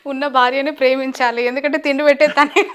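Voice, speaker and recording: Animated woman interviewer. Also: high voice, fast talker. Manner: animated, admiring, responds emotionally. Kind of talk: interview questions.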